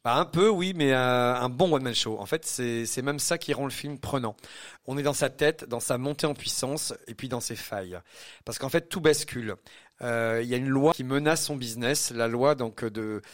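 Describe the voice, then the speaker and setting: A man's voice: medium pitch, normal speed. A man reviewing a film on the radio, casual and chatty, with many fillers and easy laughs.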